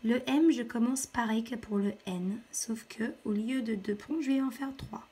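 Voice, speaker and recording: A woman's voice: on the high side, dark tone, breathy edge. A woman teacher giving a patient, step-by-step handwriting lesson to young children. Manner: slow, patient step-by-step instruction.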